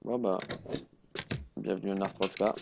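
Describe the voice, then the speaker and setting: A man's voice: low-pitched, fairly even intonation, a little slow, gravelly, noisy background. A man giving live, joking commentary on a game he plays, reading its text aloud with sarcastic remarks. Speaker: gaming streamer.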